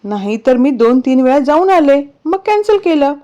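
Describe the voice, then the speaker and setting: A woman's voice: high-pitched, sing-song, normal speed, dark tone, highs cut off, voice pushed up. A woman voicing an eager, spoiled younger sister who wheedles her brother.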